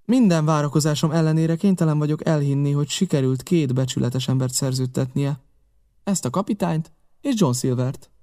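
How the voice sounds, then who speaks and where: A man reading an audiobook, voicing a level-headed, skeptical doctor with a dry, measured manner. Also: a little high, dark tone, lightly acted. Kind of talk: audiobook character voice.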